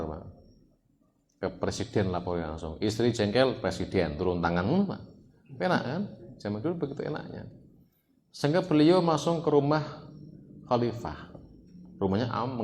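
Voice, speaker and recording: A man's voice, fairly low-pitched, preaching a sermon with a Javanese accent. He talks in a lively way, keeps asking the congregation questions and his pitch often leaps sharply. A faint hiss can be heard behind his voice. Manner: lively, keeps asking the audience questions, sudden high jumps. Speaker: Islamic preacher.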